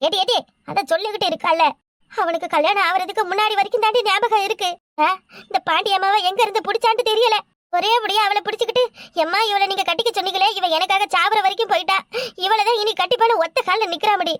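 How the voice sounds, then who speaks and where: A woman voicing a sharp-tongued old village mother-in-law in a cartoon, blunt and scornful, with a southern Tamil accent. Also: very high-pitched, fairly even intonation, fast, no room sound, clean studio sound. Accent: southern Tamil Nadu.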